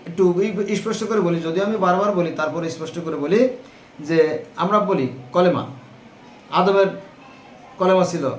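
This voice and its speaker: A man's voice: sits high, measured pace, pauses often, echoey room, slight background noise. A man giving an informal religious talk to viewers, explaining term by term and asking rhetorical questions. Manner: explanatory, lists terms, asks rhetorical "right?". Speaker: religious speaker.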